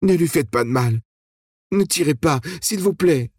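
A man's voice: a little high, expressive, measured pace, a little mellow, dry recording, studio quality, voice pushed up. A man reading an audiobook, voicing a frightened young woman who pleads in a shaky voice. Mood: pleading.

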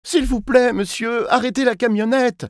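A terrified eight-year-old boy pleads in a high, straining voice, as a man puts him on. The cries are loud and frantic, recorded close and dry for an audiobook. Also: steady tone, normal speed, no room sound. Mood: panicked pleading.

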